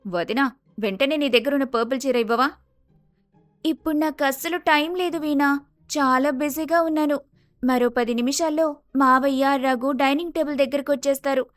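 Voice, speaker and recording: Woman voicing cartoon family characters, high voice, dry close sound, faint music behind. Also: moderate pace, no room sound, natural voice. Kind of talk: Telugu cartoon story voice acting.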